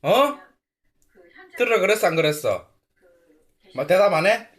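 A man's voice: sits high, very animated, unhurried. Stern young father scolding firmly. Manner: stern, firm questioning. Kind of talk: casual home video.

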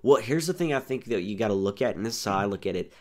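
A young man talks through a casual podcast chat, circling back with "here's the thing" and restarting sentences. His voice sits a little low. It keeps an easy, conversational flow. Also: lively intonation, fast talker, a little mellow. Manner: rambling, restarts often, says "here's the thing". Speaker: podcast host.

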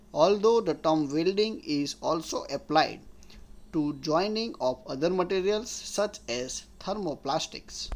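A man talks over lecture slides as an engineering tutor. His voice sits a little high for a man. He explains step by step and keeps restating points in other words.

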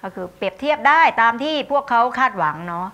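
A woman with a Thai accent teaching English grammar in a university lecture. She reads the English examples slowly and explains them in a chatty, warm way with tag questions. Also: fairly high pitch, lively intonation, dull audio.

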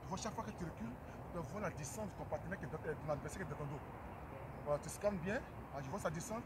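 High-voiced coach barking drills outdoors. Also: male voice, heavy background noise. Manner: short rapid commands, repeated cues. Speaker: youth football coach. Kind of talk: on-field training instructions. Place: outdoor football pitch.

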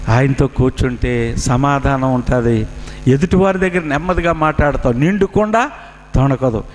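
A man preaching a sermon with a Telugu accent, emphatic and rising and falling, calling listeners his dear children. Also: sits high. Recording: hall reverb.

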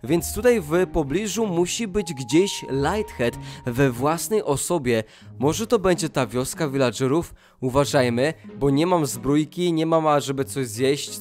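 Excitable high-voiced man narrating gameplay. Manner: excitable, talks to viewers, yelps in surprise. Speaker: gaming YouTuber. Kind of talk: let's-play commentary.

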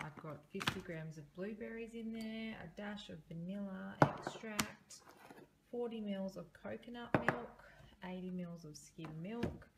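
A woman's voice: fairly low pitch, very noisy. A woman in her thirties with an Australian accent, chatting casually through her meal prep in a home kitchen, recorded on a phone. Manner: chatty, upbeat, frequent ums. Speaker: vlogger. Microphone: phone camera held close.

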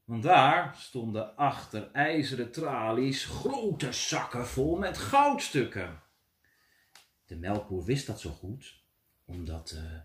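Teacher guy reading a kids' story, slow and very animated, echoey room. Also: on the high side. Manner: lively, playful reading with filler pauses. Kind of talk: storybook read-aloud for children.

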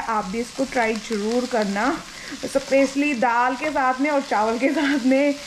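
A young woman from India narrates her home cooking in a chatty, step-by-step way, speaking straight to her viewers. Her voice sits a little high. Clear sizzling and stirring from the kitchen come through under her talk. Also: noisy background. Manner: chatty, explains each step, often adds filler "na". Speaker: home cooking vlogger and mother.

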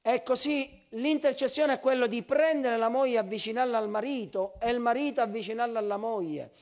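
A man's voice: extremely high pitch, brisk. A male pastor preaching a sermon at a church service, impassioned and crying out prayers.

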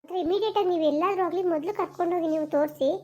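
A woman's voice: extremely high pitch, racing, darkish tone, muffled recording. A woman playing a firm female village clinic doctor in an amateur skit, urging and repeating her instructions. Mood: insistent. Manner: urgent, insistent, repeats instructions.

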